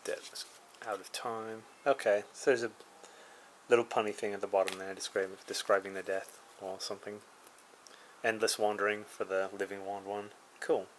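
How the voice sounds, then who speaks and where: A man's voice: lowish voice, level tone, normal speed, slight background noise, poor audio. A man casually reviewing a card game, reading card names aloud with dry asides and chuckles.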